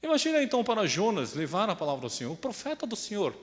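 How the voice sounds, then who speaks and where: Young male pastor, lively swinging pitch, slightly high voice, conversational preaching, long hall echo. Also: quick pace. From Brazil. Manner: conversational preaching, often asks "né?" and acts out quoted voices. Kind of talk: sermon with personal story.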